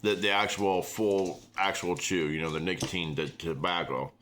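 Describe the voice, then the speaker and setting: Casual American male reviewer, low voice, speaking around a lip full of dip, hammers his points home. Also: steady tone, normal speed, noisy background. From small-town United States. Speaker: product reviewer.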